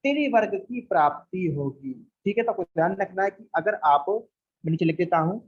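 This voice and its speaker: A young man lectures like a teacher in a fairly high, husky voice, walking through a text and grounding each point in everyday examples. His speech comes through a dull, muffled recording. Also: lively intonation, moderate pace. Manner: explains with everyday examples and acted quotes, frequent "theek hai".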